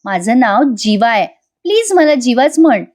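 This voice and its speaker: A woman's voice: a little high, sing-song, moderate pace, darkish tone. Woman doing a coaxing young husband. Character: affectionate young husband, gentle and persistent.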